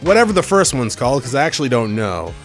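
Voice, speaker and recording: A man's voice: mid-range voice, very animated, quick pace, soft background music. A man hosting a let's play with casual, rambling commentary, often questioning himself. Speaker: let's player and host.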